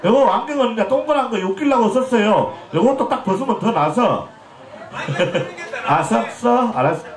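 A man in his forties from Jeolla, Korea, works as a pumba street performer, joking with and teasing the crowd from an outdoor festival stage. His high, expressive voice is a bit scratchy and moves at a moderate pace, heard through echoey festival PA sound.

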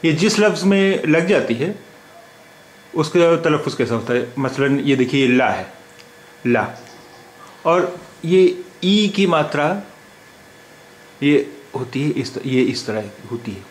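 Slow, patient male language teacher. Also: medium pitch, reverberant, rough recording. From India. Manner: patient, repeats sounds and letters slowly. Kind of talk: slow spoken lesson.

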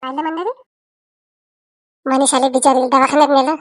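A woman's voice: high voice, fairly even intonation, fairly quick, no room sound, studio quality. A woman with a Varhadi Marathi accent narrating a comic cartoon story in a chatty, folksy way.

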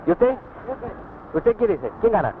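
A very animated Argentine street reporter with a Rioplatense Spanish accent fires brisk, short questions at passers-by, his fairly high voice bouncing up and down. He's doing vox pop interviews outdoors on city streets and by the harbor, using a handheld corded mic. The sound is tinny and narrow, like an old 1960s newsreel, with faint street noise underneath.

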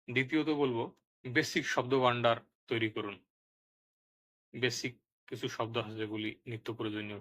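A man teaching Italian vocabulary, saying each word twice, loudly and deliberately, so listeners can repeat after him. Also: mid-range voice, highs cut off. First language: Bengali.

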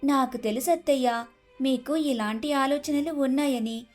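A jealous, suspicious young daughter-in-law from an animated storybook, played by a woman. She speaks high and melodramatic, over soft music. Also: unhurried. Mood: accusing. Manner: accusing, melodramatic.

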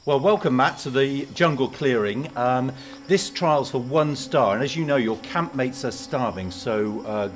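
A middle-aged man voicing an indignant, halting Newcastle Geordie presenter in a parody of a TV jungle show. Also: mid-range voice, lightly acted. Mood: hesitant, presenting.

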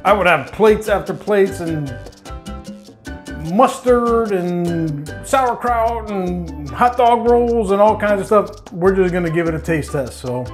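A man's voice: high voice, lively intonation, takes it slowly, faint music behind. A middle-aged man hosting a casual home cooking show, chatty and enthusiastic, laughing often. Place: home kitchen indoors.

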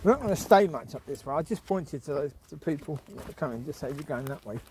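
A man's voice: a little high, animated, fast talker, a little mellow, a little hiss or hum. A man chatting casually as he walks his dogs outdoors along a countryside path, rambling and often restarting or trailing off. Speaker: vlogger and dog owner. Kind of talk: walk-and-talk vlog.

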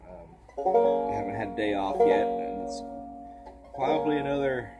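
A man teaching a clawhammer banjo lesson, a little tired, counting beats aloud in a relaxed, casual way. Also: fairly low pitch, moderate pace, over loud music, low-quality recording. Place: porch. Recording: banjo playing behind.

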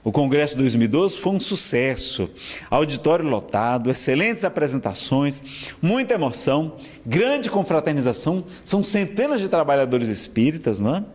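Brazilian male speaker, slightly high pitch, earnest and persuasive lecture delivery. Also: sing-song, moderate pace. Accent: Brazilian Portuguese. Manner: earnest, persuasive, checks in with listeners often. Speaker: spiritist speaker. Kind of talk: lecture announcement.

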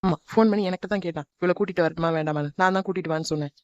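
Woman voicing a sharp-tongued jealous young woman. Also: lowish voice, very fast, dry recording, lo-fi sound, lightly acted. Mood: scolding. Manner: scolding, sarcastic. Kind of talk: animated cartoon dub.

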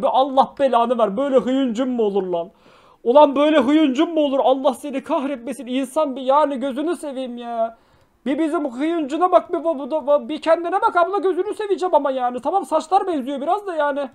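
High-voiced man ranting loudly. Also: fast talker. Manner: loud, exclaiming, mock-scolding and swearing. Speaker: live streamer. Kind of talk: live-stream reaction commentary.

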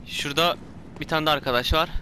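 A man commenting on his own gameplay, talking to himself, yelling and swearing when startled, his throat sore from shouting. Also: a little high, steady tone, fast talker, a little hiss or hum. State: hoarse from shouting. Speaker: gameplay streamer.

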